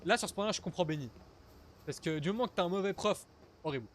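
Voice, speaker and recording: A man's voice: sits high, quick pace, a little hiss or hum. A young man streaming a survival game, chatting casually with his viewers and swearing now and then as he plays. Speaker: gaming streamer. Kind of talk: casual live gameplay commentary.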